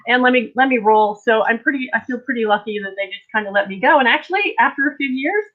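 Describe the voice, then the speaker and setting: Casting: middle-aged woman as energy healer on a live stream, higher-pitched voice, loose scattered delivery, thin phone-quality sound. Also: animated, fast. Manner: rambling, scattered, informal. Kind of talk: casual live-stream guided energy healing session. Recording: tinny, narrow phone-like audio.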